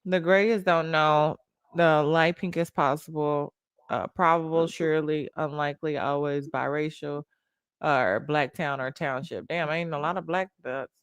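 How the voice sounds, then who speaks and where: A woman hosting a casual video-call chat, loud and animated, swearing and laughing as she reacts. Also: low voice, unhurried, smooth, no room sound. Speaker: host.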